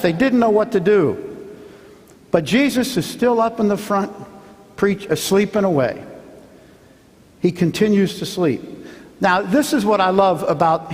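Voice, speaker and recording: A man, a pastor, preaching a sermon as he tells a story, now and then acting out the shouts of the people in it. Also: sits high, long reverb tail. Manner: storytelling, acts out the fishermen's shouts. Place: church sanctuary.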